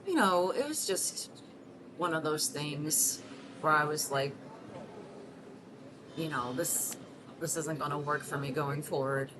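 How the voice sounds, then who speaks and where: This low-pitched woman in her thirties, from Mexico City, voices the interviewee in a short film: a 38-year-old single mother who is quiet and self-conscious. Responding to unheard questions in a scripted monologue, she hesitates, restarts, and says um often. Background hiss is clearly audible.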